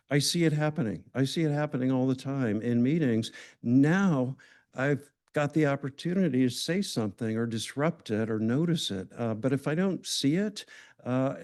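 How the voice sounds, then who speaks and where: Mellow-voiced man giving a lecture. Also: mid-range voice. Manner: conversational, engaging, asks the audience questions. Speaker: grand rounds speaker. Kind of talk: lecture to a live audience. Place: hospital lecture room.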